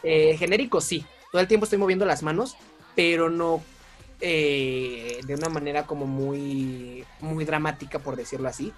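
A man's voice: fairly high pitch, fairly even intonation, normal speed, faint music behind. A young man with a Mexican accent, chatting as an interview guest, talkative and self-mocking, laughing often. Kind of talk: casual chat.

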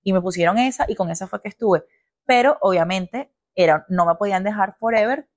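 A woman's voice: medium pitch, brisk, no room sound. Young woman, podcast co-host, slangy storyteller, dry close mic. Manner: lively storytelling, slangy and frank. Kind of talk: casual chat.

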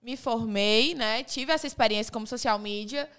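A young woman tells a long personal story to her friends on a podcast. Her voice sits slightly high and stays smooth and clear. She slips into little performances of what people said. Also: normal speed. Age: young adult. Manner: animated storyteller, acts out quoted dialogue. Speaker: podcast co-host. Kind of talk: casual chat among friends.

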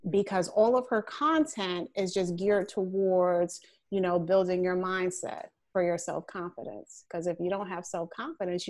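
A woman hosting a casual online interview, introducing her guest with chatty, drawn-out emphasis. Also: on the low side, a little mellow. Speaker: host.

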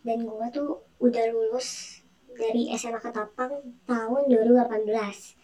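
A woman's voice: a little high, fairly even intonation, normal speed, fairly bright tone. A young woman in her twenties, a former student, giving a casual recorded testimonial through a voice changer, chatty and slangy. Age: 20s. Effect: voice changer disguising the voice.

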